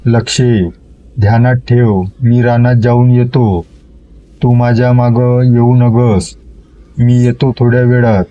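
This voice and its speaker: A man playing a frightened, greedy male villager in a horror story, speaking with rough, urgent rustic speech. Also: medium pitch, flat delivery, slow pace, dark tone, dull audio, natural voice. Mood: grave.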